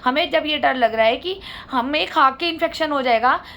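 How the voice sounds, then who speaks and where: A woman's voice: sits high, moderate pace, a bit bright. A woman vlogger telling her own family story to viewers, indignant and asking them to judge. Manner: indignant, appeals to viewers for their judgment.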